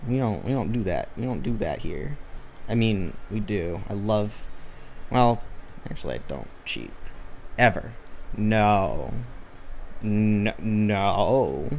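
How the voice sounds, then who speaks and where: Chatty streamer man, lively voice. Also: lowish voice, slow, gravelly, long pauses, a little hiss or hum. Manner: chatty, reads and answers chat, mutters to himself while working. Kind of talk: casual live-stream chat while drawing.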